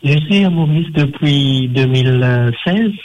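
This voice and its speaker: A man's voice: medium pitch, darkish tone. Hesitant man on speakerphone. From Madagascar. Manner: halting, hesitant, repeats words. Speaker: caller. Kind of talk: radio call-in. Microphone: phone on speakerphone. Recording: dull phone line, faint noise.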